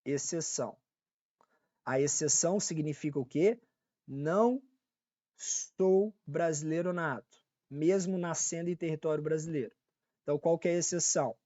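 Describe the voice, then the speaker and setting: No room sound and cut-off highs frame a slightly high, mellow male voice at a moderate pace. The speaker is a law teacher with a Brazilian Portuguese accent giving a casual online lecture for exam prep, marked by repetition, regular check-ins and corrections of his own slips.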